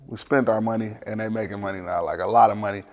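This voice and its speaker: A man's voice: lowish voice, fairly even intonation, fast talker, a little mellow, in a large hall. A man with a Detroit accent chatting casually as an interview guest, with slangy, profane, streetwise phrasing. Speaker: music producer, interview guest. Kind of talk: casual chat.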